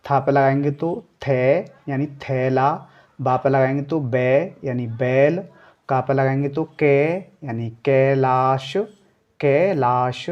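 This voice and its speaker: A man's voice: mid-range voice, dull audio. A man teaching a reading lesson step by step, sounding out words syllable by syllable and then saying them whole, often checking in with "okay". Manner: checks in with a frequent "ठीक है". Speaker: Hindi teacher.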